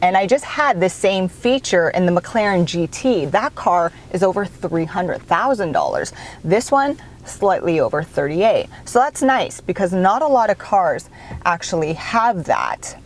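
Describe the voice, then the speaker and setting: A woman's voice: lowish voice, sing-song, unhurried. A woman reviewing a car, chatty and enthusiastic as she walks through its features. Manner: chatty, enthusiastic, with little laughs. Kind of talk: upbeat car review walkthrough.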